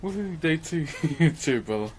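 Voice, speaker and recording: Male streamer, broad Kiwi accent, relaxed slangy chat, slightly raised pitch, faint noise behind. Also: measured pace. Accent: broad New Zealand. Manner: laid-back, matey, slangy. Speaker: livestream host. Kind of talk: casual livestream chat.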